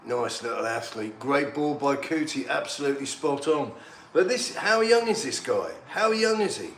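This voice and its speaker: A man, a little tipsy, giving excitable, rambling banter while streaming a football match. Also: mid-range voice, moderate pace. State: slightly tipsy. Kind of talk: casual live match commentary. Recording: echoey room, faint background noise.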